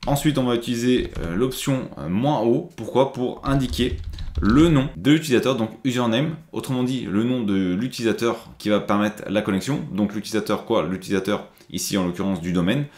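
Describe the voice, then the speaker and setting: A man's voice: mid-range voice, a little fast, a little mellow, echoey room. A man presenting a screen-recorded IT tutorial, explaining step by step with frequent hesitations.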